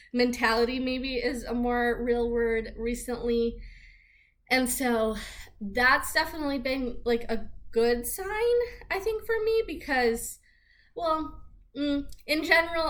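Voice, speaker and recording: A young adult woman chatting casually and informally in a rambling vlog style, peppering her talk with "like". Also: a little high. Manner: chatty and informal, heavy use of "like". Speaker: vlogger giving a pregnancy update.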